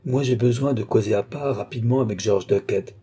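A man's voice: mid-range voice, warm tone, breathy edge, natural voice. A man voicing a cool, precise middle-aged detective who spaces out his syllables, in a read-aloud story. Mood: calm command. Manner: clipped, measured, punctuating syllables.

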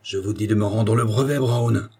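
A man reading an audiobook, voicing a nervous, excitable engineer who shouts in a strained voice. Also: on the low side, moderate pace, breathy edge. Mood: threatening. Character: excitable male engineer-inventor, nervous and furious. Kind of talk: audiobook character voice.

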